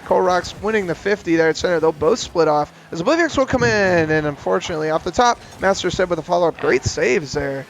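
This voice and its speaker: A man calling esports play-by-play, giving a brisk, steady account of the action. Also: high voice, slight background noise. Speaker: play-by-play caster.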